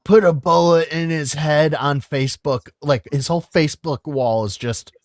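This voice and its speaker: A man hosting a podcast in casual chat, talking in animated swings between loud and quiet and cursing freely. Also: fairly high pitch, normal speed, no echo, clean studio sound. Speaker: podcast host.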